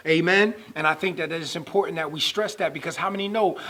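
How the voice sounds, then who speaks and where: Husky-voiced man preaching a sermon. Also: fairly high pitch, fast, pushed and bright. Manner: rises and swells when reading scripture.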